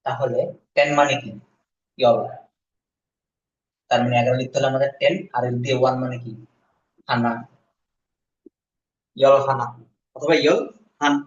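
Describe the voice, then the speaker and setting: Male teacher, slow repetitive drilling style, distant and dull in an echoey classroom. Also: medium pitch. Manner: slow repetitive drilling, asks "ঠিক আছে?". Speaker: language teacher. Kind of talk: classroom lesson.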